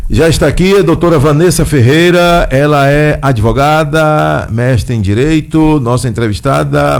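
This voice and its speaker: A man's voice: mid-range voice, darkish tone. A man hosting a radio talk show, chatty and folksy, often tagging his sentences with a questioning "né". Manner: chatty and folksy, tags lines with "né?". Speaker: radio host.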